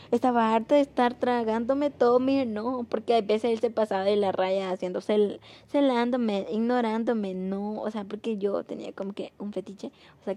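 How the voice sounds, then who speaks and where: A young woman telling a personal story in a casual, rambling way, with many fillers, mostly soft and subdued but rising when frustrated. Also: fairly high pitch. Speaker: vlogger.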